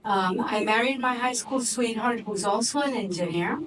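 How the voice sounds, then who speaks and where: On stage at a fireside chat in an office event space, a Cuban-born woman in her sixties who grew up in Miami speaks with a Cuban Spanish accent. A board member and investor appearing as a guest, she has a slightly high voice and moderate pace, and her conversational talk is full of fillers and restarts. A distant mic picks her up along with background noise and the live audience.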